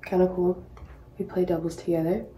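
A woman's voice: on the low side, fairly even intonation, a little fast, dark tone, reverberant, a little hiss or hum, low-quality recording. A woman in her twenties from Hawaii, chatting casually to camera while getting ready in a small bathroom, with rambling, self-mocking asides. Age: 20s. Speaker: professional tennis player vlogging. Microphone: built-in camera mic, laptop or phone close up.

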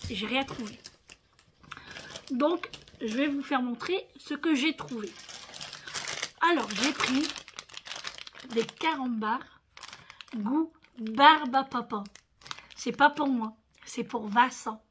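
A woman's voice: high voice, slow pace, pauses often, fairly bright tone, slight background noise. A tired woman chatting casually in her vlog, with a northern French accent and lots of fillers and little tags. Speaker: vlogger. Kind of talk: casual chat.

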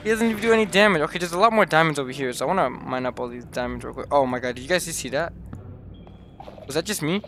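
A young man casually commenting while he plays, excitable and talking straight to his viewers, often exclaiming in surprise. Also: a little high, quick pace, gravelly, a little hiss or hum. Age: young adult. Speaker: gaming YouTuber. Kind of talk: casual Let's Play commentary.

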